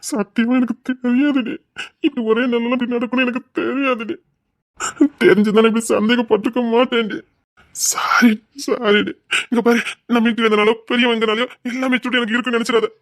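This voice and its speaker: A man with a Tirunelveli accent playing a remorseful young husband, pleading in a hushed, tearful voice. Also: extremely high pitch, little pitch movement, fast. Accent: Tirunelveli Tamil. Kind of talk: web drama acting.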